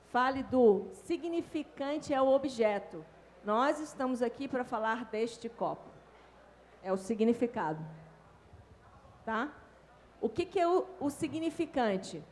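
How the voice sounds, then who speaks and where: A woman with a Brazilian Portuguese accent giving an animated talk on communication at a conference panel. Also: on the high side. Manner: animated, demonstrates tones with her own voice. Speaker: invited speaker on communication. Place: hotel conference stage.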